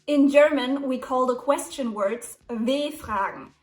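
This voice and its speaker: A woman teaches German with slow, careful explanations. Her high voice rings in an echoey room. She sits at a distance from the mic, and soft music plays behind her. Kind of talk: English lesson with German example dialogues.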